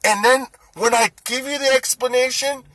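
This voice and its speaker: A man's voice: very high voice, fairly even intonation, moderate pace, fairly bright tone, dry recording, poor audio. Indignant man in his forties, tense voice. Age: 40s. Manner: indignant, ranting, rising heat. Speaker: food delivery driver. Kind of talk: angry monologue to camera.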